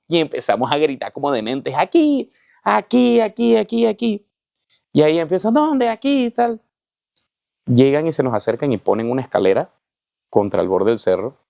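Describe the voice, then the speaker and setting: Gravelly man telling his story. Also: medium pitch, darkish tone, dry recording, clean studio sound. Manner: emotional storytelling, with vivid reenactment of dialogue. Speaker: testimony speaker. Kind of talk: personal faith testimony.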